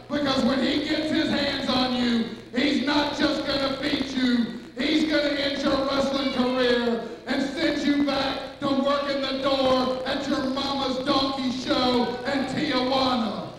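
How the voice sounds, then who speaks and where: A man's voice: very high-pitched, little pitch movement, takes it slowly. A man cutting a menacing wrestling promo as a manager in the ring, declaiming grandly and drawing out his words. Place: indoor wrestling arena ring. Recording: echoey arena, distant mic, noisy.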